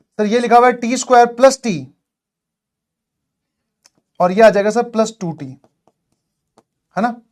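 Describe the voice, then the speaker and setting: A man's voice: very high-pitched, a little slow, pauses often. A man teaching math in a lecture, playful, acting out both sides of a dialogue with his students.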